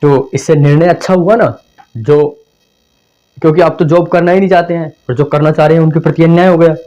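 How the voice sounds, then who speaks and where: A young man teaching a lesson in a mellow, somewhat high voice. He speaks conversationally, repeats himself and acts out example phrasings. The recording is dull and lo-fi. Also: steady tone, brisk. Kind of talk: explanatory lesson.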